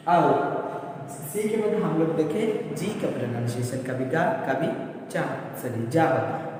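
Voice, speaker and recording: A man teaches an English pronunciation lesson at a very unhurried pace, putting questions and answering them himself. His voice sits a little high for a man. He is recorded from some distance in a very echoey room with a long reverb tail and faint background noise. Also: animated, a little mellow. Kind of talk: classroom lesson.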